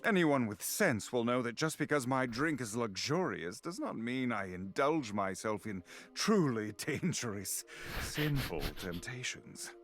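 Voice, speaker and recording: Pompous, dramatically swooping friar. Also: male voice, mid-range voice, big pitch swings, unhurried, few pauses, a bit bright. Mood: haughty, defensive. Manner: pompous, formal, sermonizing delivery. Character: weary, stern, pompous male friar. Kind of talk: scripted video game voice acting. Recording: music behind the voice.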